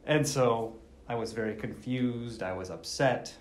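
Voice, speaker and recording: A man serving as priest, reading the Gospel at Mass and then preaching a homily with a measured, storytelling delivery, his voice carrying a roomy church echo. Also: medium pitch.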